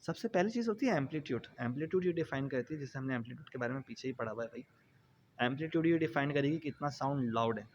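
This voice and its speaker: A man's voice: medium pitch, lively intonation, very fast. A man giving a classroom physics lecture, explaining step by step with everyday examples. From Pakistan. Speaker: physics teacher. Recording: dull lo-fi sound with faint noise.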